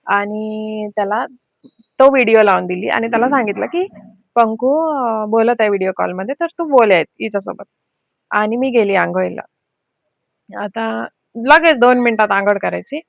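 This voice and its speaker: A young woman tells a scary personal story in a casual vlog manner, her voice sitting somewhat high. She talks with an anxious edge, leaning on fillers and pauses. The sound is dry and close, with no room echo. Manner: anxious, vivid retelling with many fillers. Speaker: vlogger.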